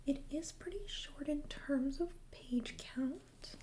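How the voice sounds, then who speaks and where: A woman in a whispered role-play as a friendly, chatty librarian, speaking in a soft, breathy library whisper with a gentle, hesitant conversational manner. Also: high-pitched, slow pace. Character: friendly, chatty female librarian recommending books. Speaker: ASMR role-player as librarian.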